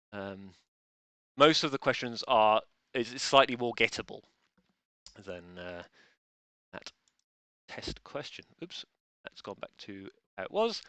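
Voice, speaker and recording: A man hosts a live online quiz from home with a bright, forceful tone and smooth, crisp diction. He talks to his viewers playfully and stumbles now and then over restarts. The sound is dry and close on a webcam microphone. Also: on the low side, dry recording. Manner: chatty, playful, bumbling with restarts. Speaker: quiz host. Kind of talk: live-streamed quiz hosting.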